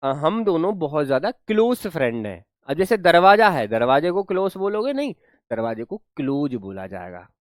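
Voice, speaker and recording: A man's voice: a little high, big pitch swings, normal speed, no room sound. Guy teaching online class, keeps asking the same q again, lots of praise, dry sound. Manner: playful, repeats questions and praises students. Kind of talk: online class explaining words.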